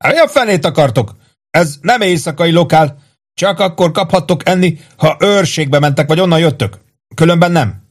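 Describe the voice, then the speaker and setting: A man reading as a grumbling army cook, higher voice, indignant, storybook. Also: sing-song, husky. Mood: irritated. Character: grumpy sleepy male army cook.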